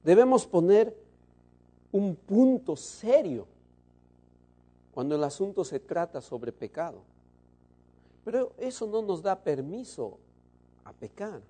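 A man preaching a sermon to his congregation, shifting between loud emphasis and soft, low asides. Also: big pitch swings, slow, long pauses, slightly rough.

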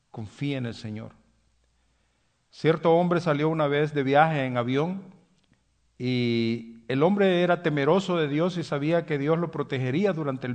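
A man preaching a sermon, pausing on fillers and restarts and dropping soft at the ends of lines, by his own account a hasty person. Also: a little high. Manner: self-described hasty.

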